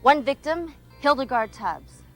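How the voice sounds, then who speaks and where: A woman's voice: high voice, animated, a little slow, faint music behind, rough recording. A woman voicing a dramatic TV news reporter with a punchy, news-reading delivery.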